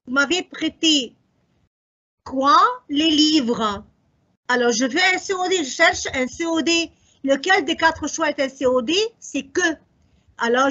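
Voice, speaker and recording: Woman, grammar teacher, high breathy voice, unhurried revision-class delivery that quizzes and self-answers, muffled low-fi audio. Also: a bit bright. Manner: slow, methodical, asks and answers her own questions. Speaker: French teacher. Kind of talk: exam revision lesson.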